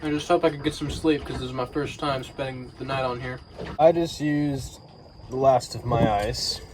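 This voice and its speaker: A tired young man vlogging from his small sailboat by an island at night, talking slowly and rambling, with fillers and the odd swear. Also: medium pitch, steady tone. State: sleep-deprived. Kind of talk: casual vlog narration. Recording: noisy outdoor phone recording. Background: water, boat sounds and crickets.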